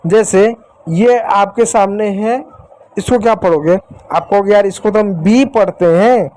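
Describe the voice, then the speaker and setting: Male teacher, high voice, patient and repetitive, talks straight to young pupils. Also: warm tone, poor audio. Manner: patient, repeats reminders to children; slows down to spell out example words. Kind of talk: explaining lesson to children.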